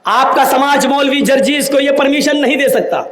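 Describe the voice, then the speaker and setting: A male preacher delivering an impassioned sermon at a religious gathering, often breaking into shouts. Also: very high voice, reverberant.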